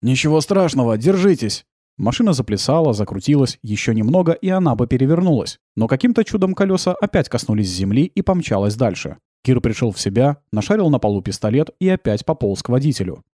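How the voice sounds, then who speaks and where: Warm, expressive male audiobook narrator. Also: mid-range voice, quick pace, few pauses, no room sound, clean studio sound. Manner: expressive storytelling.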